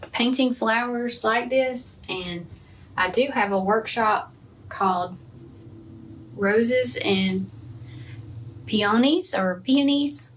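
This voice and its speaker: A woman's voice: mid-range voice, a bit bright. Lady teaching painting live, chatty, talks to herself as she works, a bit far off the mic. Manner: chatty, thinking aloud while painting. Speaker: art teacher. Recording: from a distance, faint room noise.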